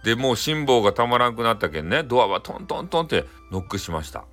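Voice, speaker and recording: A man's voice: mid-range voice, big pitch swings, quick pace, fairly bright tone, soft background music. A man with a Hakata accent telling a bedtime folktale in a chatty, folksy way, often addressing his listeners. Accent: Hakata dialect. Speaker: storyteller.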